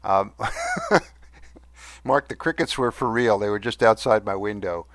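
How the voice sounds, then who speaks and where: A man hosting a podcast in a casual, halting, good-humoured monologue, with a whistle on his S sounds. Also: on the low side, no room sound. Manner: halting, with good-humoured self-deprecating asides. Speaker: podcast host. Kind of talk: casual monologue reading listener mail.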